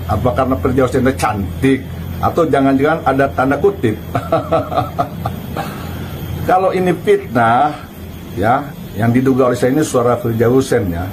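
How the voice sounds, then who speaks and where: A man's voice: medium pitch, background noise. Mocking man doing casual commentary. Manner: mocking, taunting, asks pointed questions. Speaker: online commentator.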